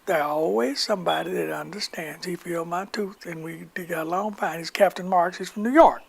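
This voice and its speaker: An older man sits for an oral history interview and tells long stories from his time in the army. His voice sits high and has a gravelly edge. He rambles, restarts, and acts out the people he quotes. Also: a little fast. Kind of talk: recounting war memories.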